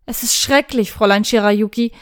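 A woman's voice: fairly high pitch, fairly quick, clean tone, close to an everyday voice. A woman voicing a frantic young knight. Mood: urgent. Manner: urgent, anxious pleading. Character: young male knight, panicked, earnest.

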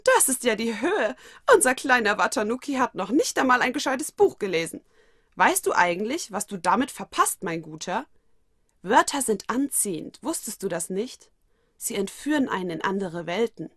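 A woman's voice: on the high side, very animated, moderate pace, fairly bright tone, breathy edge, dry recording, clean studio sound, exaggerated voice. A woman voicing a mysterious, teasing adult witch in a storybook reading. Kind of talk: audiobook reading of fan fiction.

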